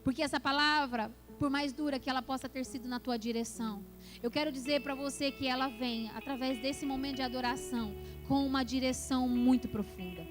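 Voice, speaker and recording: A woman's voice: high-pitched, fairly even intonation, a little fast. A woman pastor preaching a passionate sermon that builds to emphatic peaks in a church. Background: worship music.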